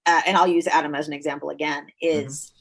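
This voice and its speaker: A woman's voice: low-pitched, level tone, quick pace, gravelly. A middle-aged woman hosting a casual podcast, chatting with many fillers and frequent laughs. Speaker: podcast host.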